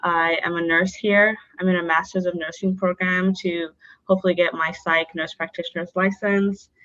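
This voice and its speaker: Born in Bangladesh and now from North Dakota, a young woman guests on a podcast, giving candid, open answers peppered with "um" and "like." Her lowish, slightly bright voice is delivered flatly at normal speed, and the recording sounds muffled.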